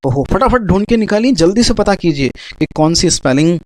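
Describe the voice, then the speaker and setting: A man runs a vocabulary quiz. He talks in an animated way and counts down timers aloud. His voice is recorded dry and close, with no room sound. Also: high-pitched, brisk, no room sound, low-quality recording. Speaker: English quiz teacher. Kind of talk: Hindi-language vocabulary quiz.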